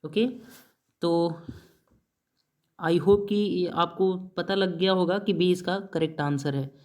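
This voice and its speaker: A man's voice: sits high, dark tone. A man teaching an exam-prep vocabulary lesson, spelling words out letter by letter and asking questions that he answers himself. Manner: asks the class a question, then answers it himself; mixes in English words and spells them out letter by letter. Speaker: English teacher.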